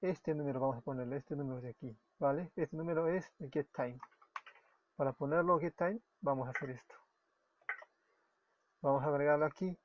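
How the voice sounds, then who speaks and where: A man's voice: on the high side, brisk, long pauses, a little hiss or hum. A man from Peru with a Peruvian Spanish accent walks through a coding tutorial step by step, often correcting himself. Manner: explains step by step, self-correcting, often apologizing. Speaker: web development tutor. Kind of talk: screen-recorded coding tutorial. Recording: dull lo-fi recording with keyboard typing.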